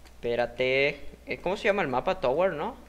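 A young man with a Mexican Spanish accent giving excitable play-by-play of his own game, yelping and swearing at near misses. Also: fairly high pitch, normal speed, highs cut off. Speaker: gaming YouTuber. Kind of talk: live gameplay commentary.

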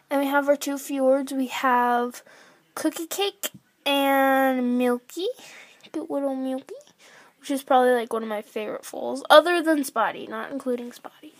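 A young girl giving a casual, rambling tour of her toy horse barn, filmed indoors on a handheld phone. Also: high-pitched. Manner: chatty, rambling, lots of fillers. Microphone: handheld phone camera close to toys.

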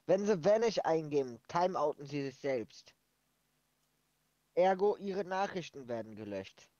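A man's voice: a little high, animated, measured pace, mellow, no room sound. A man chatting casually with a streamer over a voice chat. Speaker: guest on a gaming voice chat. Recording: dull lo-fi voice chat audio.

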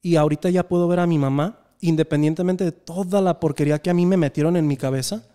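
Mexican man in his thirties, earnest reflective storyteller, slightly high, mellow tone. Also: fairly even intonation, fast, clean tone. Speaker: podcast guest. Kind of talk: casual conversation.

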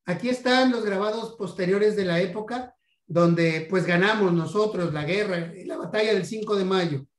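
A Mexican man giving a history lecture about coins, stumbling over repeated words and fillers. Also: sits high. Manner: halting, many repeats and "este" fillers. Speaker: guest numismatics lecturer. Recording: roomy echo.

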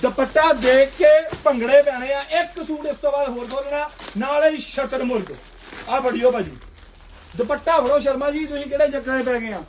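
Very high-voiced shopkeeper hawking loudly. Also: male voice, slight background noise. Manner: loud, rapid-fire hawking. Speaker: shopkeeper selling suits. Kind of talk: loud live sales pitch. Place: basement clothing shop.

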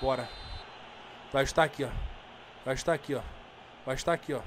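A man's voice: mid-range voice, a little fast, a little hiss or hum. A Brazilian man giving live gameplay commentary, swearing and urging his players on, keeping his voice down because of the late hour. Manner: excitable, swearing and urging on the screen; holding back from shouting because of the late hour. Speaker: gamer.

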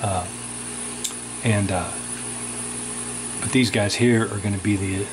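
A man's voice: lowish voice, fairly even intonation, slow pace, background noise. A man casually vlogging off the cuff, rambling in a folksy way with lots of fillers, filmed indoors at home on a handheld camera. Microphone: handheld camera mic.

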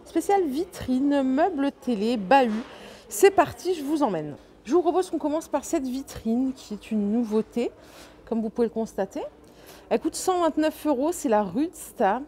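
A woman talks her viewers through a big furniture store in a casual, enthusiastic vlog. Her voice sits a little high and sounds mellow rather than bright. A faint hum of store ambience runs underneath. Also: lively intonation, moderate pace. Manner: chatty, enthusiastic, lists prices and sizes with fillers. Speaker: shopping vlogger. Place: inside a large furniture store.

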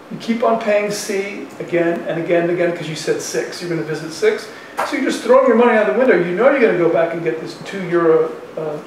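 In a university classroom by the chalkboard, a man in his sixties who teaches economics lectures like a professor thinking out loud, using colloquial language. His voice is fairly high. It's recorded from a distance in a very echoey room, with faint noise in the background.

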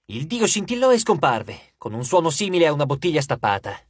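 Expressive husky male audiobook narrator. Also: on the high side, brisk, no echo. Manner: expressive, dramatic storytelling.

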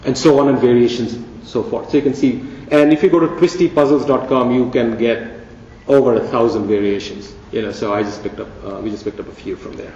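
A man's voice: medium pitch, fairly even intonation, fairly quick, dark tone. Man giving a playful keynote in a hall. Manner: playful, conversational, asks rhetorical questions. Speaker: keynote speaker. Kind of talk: conference keynote lecture. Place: large conference hall. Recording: dull, echoey hall recording from a distance.

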